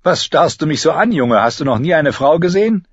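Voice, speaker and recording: Brief: a man playing a hardy wild woman, blunt and teasing, voice lifted higher. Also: expressive, fairly quick, slightly rough, no room sound, lo-fi sound. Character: tough wild woman, blunt, mocking, fearless.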